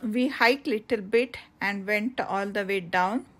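A woman narrating a casual travel vlog outdoors on coastal cliffs, halting with many fillers and restarts. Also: mid-range voice. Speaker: travel vlogger.

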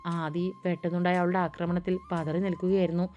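A woman's voice: flat delivery, fairly quick, darkish tone. A woman narrating a romantic audiobook story, voicing the dialogue as she reads. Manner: acts out dialogue with raised pitch and force.

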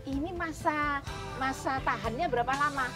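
A woman's voice: sits high, moderate pace. A woman hosting a cooking demonstration on an outdoor street stage, explaining each step in a chatty, instructive way and often addressing the audience directly. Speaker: cooking show host. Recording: music playing behind.

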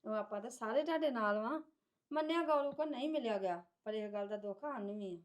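A woman playing a relative who calms a quarrel and offers steady advice. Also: a little high, fairly quick, lightly acted. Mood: soothing. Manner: soothing, advising. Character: calm peacemaking female relative. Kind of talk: family short-film acting.

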